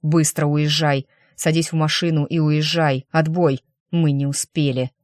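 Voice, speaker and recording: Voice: medium pitch, flat delivery, moderate pace, dry recording, clean studio sound, lightly acted. A narrator voicing an urgent man on the phone. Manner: loud, clipped commands. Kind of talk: audiobook character reading.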